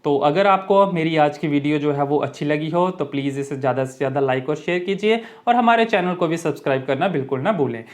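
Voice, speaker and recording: A male teacher giving a lesson, reading English lines slowly and explaining them in with fillers. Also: a little high. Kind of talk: online classroom lesson.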